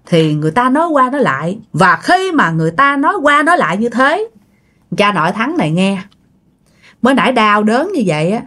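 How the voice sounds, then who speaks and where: A woman telling a ghost story, her voice fairly high and very lively. She chats along and keeps addressing her listeners directly. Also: fairly quick.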